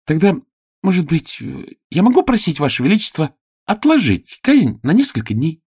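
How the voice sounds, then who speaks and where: A man's voice: on the high side, wildly swooping pitch, normal speed, a little mellow, slightly rough, no room sound, clean studio sound, voice pushed up, heavily acted. A man voicing an earnest, brave young girl disguised as a page in an audiobook drama, speaking in a raised, pleading voice.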